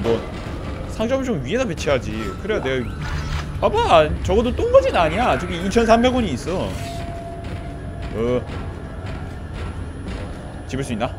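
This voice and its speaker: A man with a high, lively voice commentates a horror game, swinging from frantic pleading and yelling at enemies to muttering to himself. His voice sits over loud, blaring game music. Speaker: gameplay commentator. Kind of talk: let's play commentary. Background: loud horror game music and sound effects.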